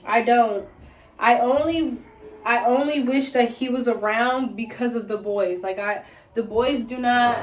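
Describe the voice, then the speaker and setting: High-voiced tipsy young American woman, echoey room. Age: young adult. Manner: tipsy, loose and candid. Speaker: host answering listener questions. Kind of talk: casual personal chat. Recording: echoey room, faint background noise.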